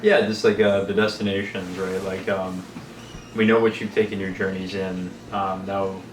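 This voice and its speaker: A man hosting a casual interview, speaking in a halting, informal way. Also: low-pitched, little pitch movement. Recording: echoey room, distant mic, noisy background.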